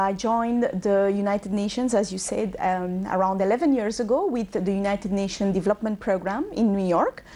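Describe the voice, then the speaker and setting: Raised in Belgium after being born in Bangladesh, this woman works as a UN regional manager. In an interview she responds fluently, often saying um and uh, in a warm voice of medium pitch.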